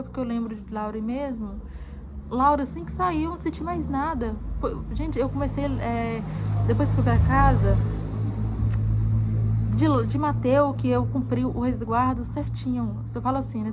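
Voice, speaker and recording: A woman from Brazil with a somewhat high voice speaks straight to her viewers. She repeats words and phrases as she tells a personal story. Faint noise hangs behind her. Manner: repetitive, emotional, addresses viewers as "gente". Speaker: mother sharing her story. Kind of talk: emotional personal testimony.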